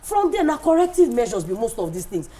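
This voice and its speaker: A woman's voice: a little high, very animated, brisk, mellow. A Nigerian woman speaking as a radio panellist, debating in a mix of Pidgin and English. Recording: clear background noise.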